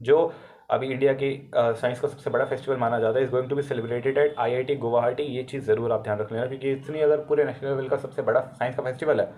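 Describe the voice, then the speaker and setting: A man's voice: medium pitch, fairly even intonation, fast talker, a little mellow. A man with an Indian accent and a sore throat, explaining current affairs for exam students in a casual, chatty way, mixing Hindi with English and correcting himself as he goes.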